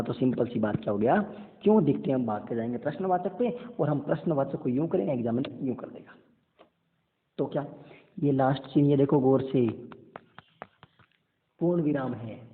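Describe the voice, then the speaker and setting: Hindi teacher in an echoey, tinny recording. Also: male voice, medium pitch. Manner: animated, repeats points and checks understanding. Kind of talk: exam-prep grammar lesson. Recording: echoey hall, tinny phone-like sound.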